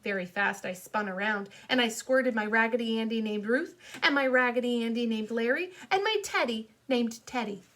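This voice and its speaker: A woman's voice: fairly high pitch, moderate pace, few pauses, a bit bright. A woman narrating a children's audiobook in a playful, childlike storytelling voice.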